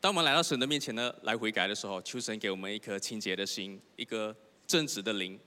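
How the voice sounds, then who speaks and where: Young male preacher, earnest testimony, bright voice, big church reverb. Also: fairly low pitch, quick pace, smooth. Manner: earnest, repetitive, asks the congregation questions. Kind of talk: sermon with personal testimony. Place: church hall. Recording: long hall reverb.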